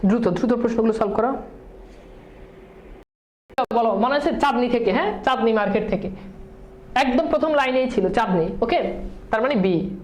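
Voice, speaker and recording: A woman's voice: on the high side, lively intonation, darkish tone, echoey room, a little hiss or hum. A woman teacher, quizzing students in an exam-prep lesson and mixing English words into her speech. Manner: quizzing students with quick questions and answers.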